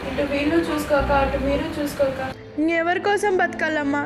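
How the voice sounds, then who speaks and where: A woman's voice: sits high, fairly quick, over loud music, close to an everyday voice. An actress playing an abused young wife who cries and pleads with her mother. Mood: pleading. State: crying.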